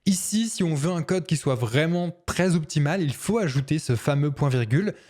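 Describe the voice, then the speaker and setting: A man's voice: on the high side, expressive, normal speed, a little mellow. A man hosting a screen-recorded coding tutorial, chatty and self-correcting, with fillers and little laughs.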